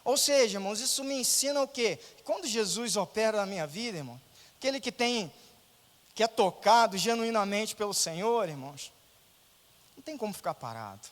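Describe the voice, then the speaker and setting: A man with a very high-pitched voice preaches to his congregation, pressing his points with rhetorical questions. His words ring out with a long echo through the church hall. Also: lively intonation, a little fast. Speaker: pastor. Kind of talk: sermon.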